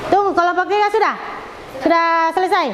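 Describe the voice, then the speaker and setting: A woman's voice: very high voice, fairly even intonation, fast talker, big-room sound, background noise. A woman teacher giving directions to her class, checking often that students are ready. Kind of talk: classroom instruction.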